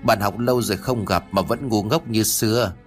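Old sorcerer, cruel and sneering, voiced low by a male narrator; faint music underneath. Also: moderate pace, natural voice.

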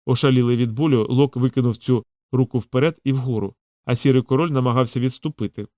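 A man narrates a fantasy audiobook in a dramatic, measured storytelling manner. His voice sits at an ordinary middle pitch. The sound is dry and close, with no room echo. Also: warm tone. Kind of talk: scripted narration.

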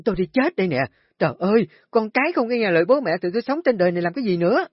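A man's voice: high voice, expressive, rapid-fire, no echo, voice pushed up. A man voicing a hysterical, stubborn older mother who shrieks and wails. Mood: wailing. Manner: shrieking, screaming complaints. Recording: dry, dull lo-fi recording.

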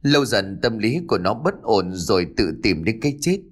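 A man's voice: on the low side, sing-song, moderate pace. A man playing a weary, grieving old man.

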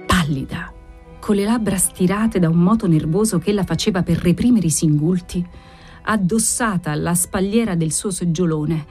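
A woman reading a classic novel aloud as narrator, in a measured and expressive way. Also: lowish voice, breathy edge, faint music behind. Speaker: audiobook narrator. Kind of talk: literary narration read aloud.

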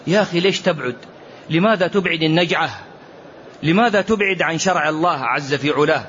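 A middle-aged man, a sheikh giving a religious lesson and answering questions in an animated way, full of rhetorical questions and mock dialogue. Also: a little high, quick pace. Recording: dull lo-fi recording with faint hiss.

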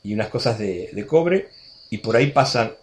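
In a casual storytelling interview on the radio, a sixty-something man with an Argentine Spanish accent rambles chattily through restarts and asides. His voice is lowish and a little mellow, animated, at a moderate pace.

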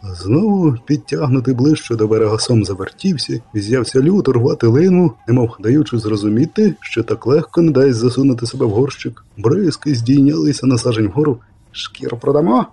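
A man narrating a fantasy audiobook in steady, measured storytelling. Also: mid-range voice, breathy edge.

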